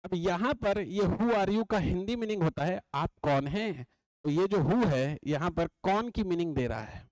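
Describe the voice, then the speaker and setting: A man's voice: high-pitched, lively intonation, moderate pace, a little mellow, dry recording, poor audio. A young man giving an exam-coaching lecture. He explains in a chatty way, repeats his points and often checks that the class is following. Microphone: writes on a board while talking.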